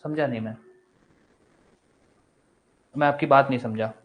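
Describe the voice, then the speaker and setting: A man's voice: medium pitch, a little slow, highs cut off. Man teaching a live online law class. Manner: asks questions then answers them himself; casual and encouraging, mixes Hindi with English terms.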